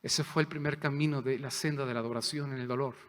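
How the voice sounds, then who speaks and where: A man's voice: medium pitch, fairly even intonation, quick pace. Impassioned preacher man in a reverberant church. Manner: impassioned, swings between loud and hushed. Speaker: pastor. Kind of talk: sermon. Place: church sanctuary. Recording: long hall reverb.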